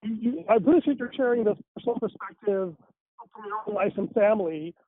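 A man's voice: high voice, expressive, brisk. A man on a remote call, asking probing follow-up questions while his audio breaks up. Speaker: discussion partner on a call. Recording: tinny dry call line breaking up.

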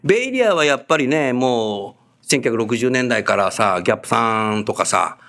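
A man hosts an on-location interview casually, an animated, chatty storyteller who nods along often to his guest. His mid-range voice moves at normal speed with some vocal fry.

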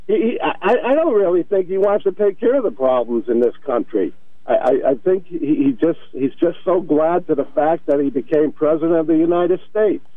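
A man calling a radio show over the phone, halting and repeating his words. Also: a little high, expressive, no room sound. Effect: heard over a phone line. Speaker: caller. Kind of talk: radio call-in. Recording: tinny phone line.

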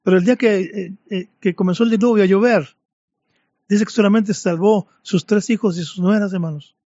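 A man's voice: high-pitched, steady tone, a little fast, mellow, no room sound. A man preaching a fervent sermon, repeatedly calling out to his brothers and sisters. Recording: dry, dull lo-fi recording.

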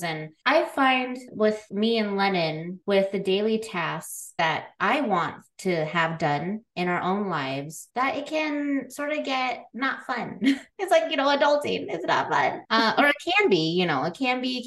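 Female podcast guest, slightly high voice, casual conversational delivery with loosely strung, halting thoughts. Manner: informal, halting, loosely strung phrases with frequent "like". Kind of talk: casual conversational interview answers.

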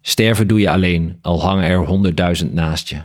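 A man's voice: deep voice, fairly quick. A man voicing an old father bat who speaks in a solemn, tender way in a storybook reading. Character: old male bat, solemn, gentle and resigned.

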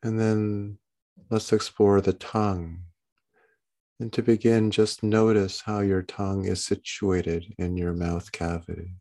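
A man leads a guided meditation in a calm, meditative tone. His voice sits very low and has a soft, mellow color, with a gravelly creak at the edges. He gives gentle instructions in short, unhurried phrases. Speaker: meditation teacher. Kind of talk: guided body-scan meditation.

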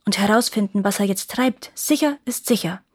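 A woman's voice: medium pitch, normal speed, a little mellow, slightly rough, dry recording, studio quality, natural voice. A woman voicing a distrustful male royal vizier who gives warnings. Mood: suspicious. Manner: suspicious, warning.

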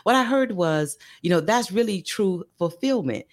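A woman hosting an interview podcast, talking to her guest and audience in an animated, emphatic way, drawing out key phrases. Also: medium pitch, normal speed. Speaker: podcast host. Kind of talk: casual interview chat.

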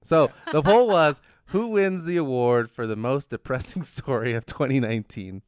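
A man's voice: mid-range voice, animated, normal speed, clean tone, dry recording, clean studio sound. A man hosting a casual, jokey group chat, often laughing as he talks. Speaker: podcast host. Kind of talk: casual comedic group banter.

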